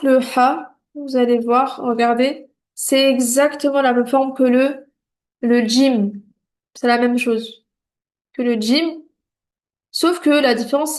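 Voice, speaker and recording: A woman teaching beginners to read, patient and reassuring, sounding out syllables one at a time and checking in often. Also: on the high side. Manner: patient, repeats syllables slowly and clearly. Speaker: Arabic reading teacher. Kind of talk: beginner lesson.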